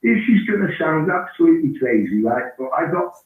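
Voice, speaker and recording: A man's voice: fairly high pitch, big pitch swings, brisk, noisy background. A man telling blunt, slang-heavy stories in a casual call-in chat. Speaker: guest caller. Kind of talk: casual storytelling. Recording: echoey, distant, phone-like line.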